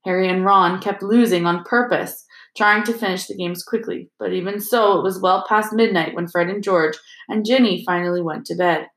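A woman narrating a fantasy novel as an audiobook, in a steady storytelling manner. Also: medium pitch, moderate pace, hardly any pauses. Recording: roomy echo.

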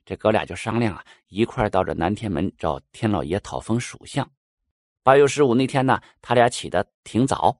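A man's voice: fairly low pitch, no echo, studio quality. A man telling a folk tale in a folksy Northeastern Mandarin accent. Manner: folksy, with "uh" fillers. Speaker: storyteller.

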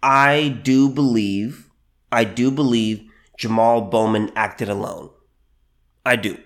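This medium-pitched man keeps a steady tone as he hosts a solo commentary podcast while a bit under the weather with allergies. His delivery halts, circles back over repeated phrases and is packed with fillers, and he slows down whenever he wants to stress something.

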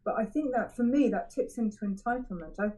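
Warm-voiced woman sharing candidly. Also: on the high side, rough recording. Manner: halting, searching for words with frequent restarts; frank and self-examining. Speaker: member sharing at a recovery meeting. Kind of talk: personal share, candid reflection.

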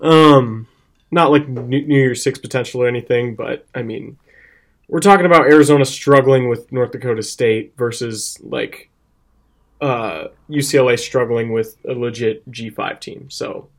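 A man's voice: medium pitch, gravelly. Casual young guy talking college football. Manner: animated, laughs often, fillers like "um" and "like". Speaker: podcast co-host. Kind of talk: casual sports betting chat.

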